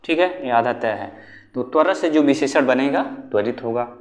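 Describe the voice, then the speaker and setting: A man's voice: medium pitch, animated, moderate pace. Young male tutor, online exam-prep lesson, drills by asking and repeating each answer. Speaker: Hindi grammar teacher.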